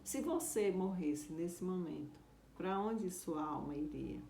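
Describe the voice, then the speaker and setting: A woman playing a calm, gentle missionary. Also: high-pitched, slow, gravelly, slight background noise, voice pushed up, full character voice. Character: calm kindly missionary man, patient and gentle. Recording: roomy echo.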